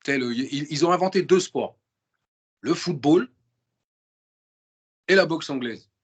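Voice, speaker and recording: Slow-paced and slightly rough, a man with a voice on the high side chats as an interview guest. He uses slang and speaks with animated emphasis, often starting over and repeating himself.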